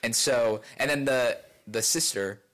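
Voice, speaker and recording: Young guy cohosting a podcast, playful and animated, voice jumps up high to make a point. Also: unhurried. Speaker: podcast co-host. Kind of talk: casual chat.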